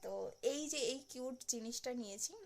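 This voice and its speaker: Young woman vlogger, hushed late-night chat into a phone at home, a little high-pitched. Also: fairly quick, slight background noise. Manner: hushed, soft-spoken to avoid being overheard.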